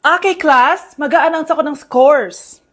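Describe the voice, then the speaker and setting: A woman's voice: high-pitched, fairly bright tone. Sassy cartoon schoolteacher, as a woman puts her on. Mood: teasing. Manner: deliberate, teasing announcements. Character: strict sassy female schoolteacher, middle-aged.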